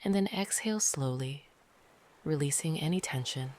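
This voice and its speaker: This soothing guided meditation is narrated slowly at a medium pitch, with a soft, breathy quality and frequent whispering. The guide stays calm and leaves long silences between phrases. The recording is noisy, with ambient sound in the background.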